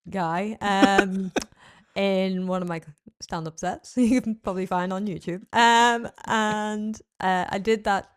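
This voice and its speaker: A woman's voice: mid-range voice, steady tone, slow pace, clean tone. A woman guest on a podcast, chatting casually about burlesque history, laughing often. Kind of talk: casual chat.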